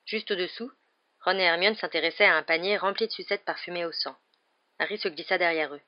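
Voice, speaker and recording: A woman reading an audiobook in an even, measured storytelling manner, in a dull lo-fi recording. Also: fairly low pitch. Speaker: audiobook reader. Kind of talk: audiobook narration.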